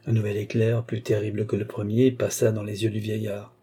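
A man narrating a classic novel as an audiobook, in a steady, literary storytelling manner. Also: on the low side, a little fast, breathy edge. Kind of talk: scripted narration.

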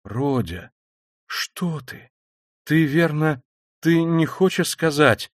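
A man's voice: medium pitch, moderate pace, dry recording, natural voice. A man reading an audiobook voices an anxious middle-aged mother who pleads timidly and is close to tears.

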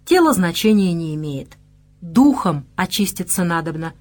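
A woman's voice: on the low side, sing-song, moderate pace, a little mellow, faint music behind. A woman voicing an old male bear who leads a band of Cossacks in an audiobook, speaking in a grave, instructive way. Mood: stern.

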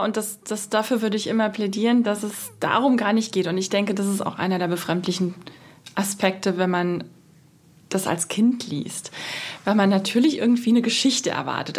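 A woman speaking as a literature expert on a radio feature, reasoning her points aloud thoughtfully. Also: mid-range voice.

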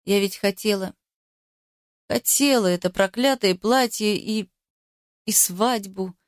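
A heartbroken young bride pleads and accuses through tears, bitter and shaken, voiced by a woman reading the book aloud. Her voice sits at a middle pitch, and the close recording is dry. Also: slow pace, no echo, natural voice. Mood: broken, quiet. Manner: pleading, tearful outbursts. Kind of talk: audiobook character voice.

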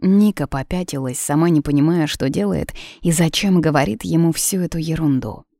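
Woman, audiobook narrator, calm, gravelly low voice, dry close sound. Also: normal speed, no room sound. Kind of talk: scripted narration.

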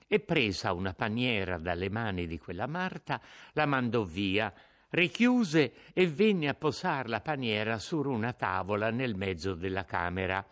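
A man narrating a classic novel as an audiobook in a slow, expressive reading. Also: on the low side. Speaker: audiobook reader.

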